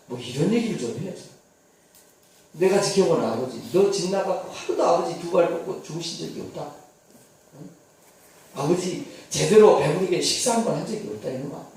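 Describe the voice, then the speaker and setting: Male pastor, dramatic sermon, mellow fairly high voice, distant mic in echoey church. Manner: dramatic, swings from hushed to loud. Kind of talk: sermon storytelling. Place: church sanctuary.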